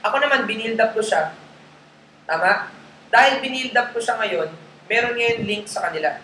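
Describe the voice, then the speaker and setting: A network marketing trainer leads a live group training, his high-pitched voice pushed and bright at a moderate pace. He talks casually in Tagalog mixed with English and checks in with listeners often. The room echoes, with faint background noise.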